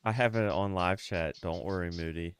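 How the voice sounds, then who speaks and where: A man in his mid thirties, congested and sniffly, chats casually while livestreaming a game and commenting on the gameplay. He speaks at a normal pace in a deep, clean voice, recorded close on a streaming mic with no room sound.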